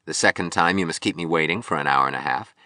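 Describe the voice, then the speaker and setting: A man's voice: extremely low pitch, quick pace, pushed and bright, dry recording, clean studio sound, heavily acted. A man voicing a bitter, drunk young male sculptor in an audiobook, with a hard, impatient, belligerent voice. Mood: swaggering, bitter. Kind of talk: audiobook reading.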